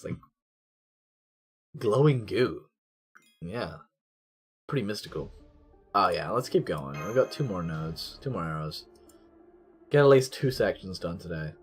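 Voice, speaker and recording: A man streaming a story game and commenting casually, reacting excitably and swearing often. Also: lowish voice, slightly rough.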